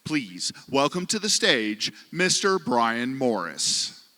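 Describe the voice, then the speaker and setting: A man's voice: mid-range voice, very animated, takes it slowly, bright, forceful tone. A man announcing a speaker in a formal stage introduction.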